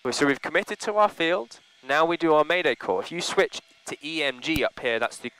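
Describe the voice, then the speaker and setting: A man working as a flight instructor, calmly and methodically talking a student through procedures in a small plane cockpit. He speaks over a pilot's headset intercom and checks in often with "okay?". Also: a little high, fairly quick, smooth, poor audio.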